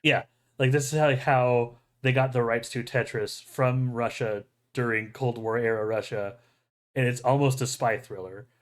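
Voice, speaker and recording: A male podcast host with a steady, medium-pitched voice chats casually at normal speed about movie news. He's an enthusiastic fan who swears plenty.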